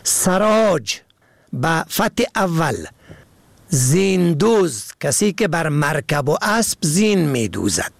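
Male radio presenter, careful spelled-out lesson reading; fairly high, gravelly, dry close sound. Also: very animated, no echo. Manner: slow, careful spelling out of words. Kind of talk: scripted language lesson reading.

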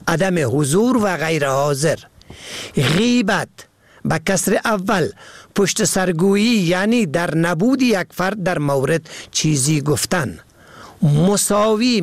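Gravelly man reading a language lesson. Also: high-pitched, no echo. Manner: slow, careful spelling out of words. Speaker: radio presenter.

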